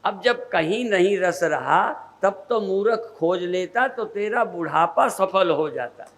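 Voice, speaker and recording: Older male guru, sermon delivery, unhurried and repetitive, pitched high. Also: expressive, a bit bright, rough recording. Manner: measured, repetitive preaching cadence. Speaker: spiritual teacher.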